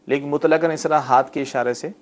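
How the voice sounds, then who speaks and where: A man serving as the mufti on a religious TV call-in show, who explains rulings patiently and slowly spells out the correct pronunciation. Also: fairly high pitch, steady tone, a little hiss or hum. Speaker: mufti answering callers' religious questions.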